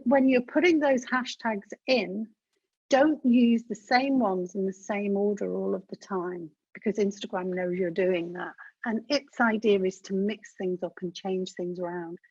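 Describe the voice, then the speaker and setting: A woman's voice: mid-range voice, a little slow, darkish tone, slightly rough, dry recording. A woman giving a business webinar in a chatty, practical way, talking straight to her audience. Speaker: webinar presenter. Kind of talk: instructional webinar talk. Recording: dull dry webinar audio.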